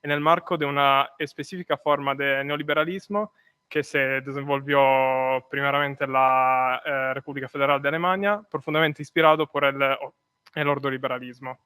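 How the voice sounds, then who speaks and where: A man's voice: mid-range voice, steady tone, moderate pace, pushed and bright, clean tone, no room sound. A man who is not a native Spanish speaker presents an academic paper, hesitating and correcting himself as he goes. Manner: hesitant, with repeated words and self-corrections. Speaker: conference speaker.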